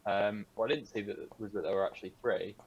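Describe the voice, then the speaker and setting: A man's voice: fairly low pitch, steady tone, fast, slightly rough, dull audio. A young man co-hosting a podcast over a video call, telling rambling anecdotes in a casual way. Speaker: podcast co-host. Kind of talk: casual storytelling.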